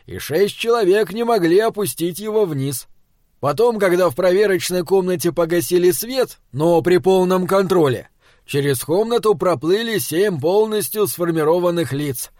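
A driven, impatient older parapsychologist, as a male reader plays him, gruff and clipped and eager when he explains his life's work. The voice sits fairly high, dry and close, as in an audiobook. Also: darkish tone, no echo. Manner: gruff and terse, then eagerly lecturing.

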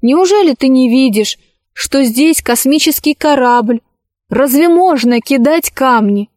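A woman reading a children's story aloud, voicing a level-headed girl who scolds and reasons calmly. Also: high-pitched, measured pace, dry recording, clean studio sound. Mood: reproachful.

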